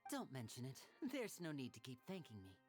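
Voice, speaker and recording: An actor playing a charming, courteous young stage magician in a video game, with a smooth and welcoming delivery. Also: male voice, medium pitch, wildly swooping pitch, a little fast. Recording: game audio over soft music.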